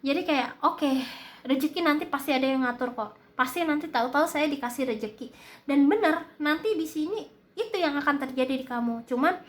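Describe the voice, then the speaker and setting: A woman's voice: sits high, fairly quick. A woman with an Indonesian accent and a slight lisp that occasionally slurs her r, giving a casual forecast and advice in a hesitant, explanatory way. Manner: hesitant, searching for words, explanatory. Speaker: tarot-style reading host.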